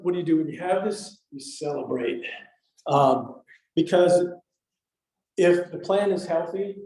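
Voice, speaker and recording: An older man gives an easygoing talk at a garden club meeting. His voice sits a little high, and his delivery is chatty, with repeated words and frequent "okay"s. The recording carries the echo of a meeting room. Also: a little mellow. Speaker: orchid society speaker. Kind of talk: casual slide lecture. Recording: echoey room.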